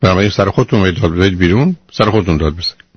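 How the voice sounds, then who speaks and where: A man's voice: deep voice, husky, no echo. A man hosting a call-in advice show, counseling a caller in a blunt, lecturing way and calling her "dear", heard as a muffled radio broadcast.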